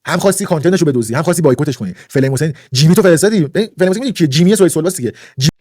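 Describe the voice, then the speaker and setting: A man's voice: fairly high pitch, lively intonation, a little mellow, no room sound, studio quality. A man ranting indignantly on a livestream, lecturing and repeating his points for emphasis. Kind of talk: heated livestream rant.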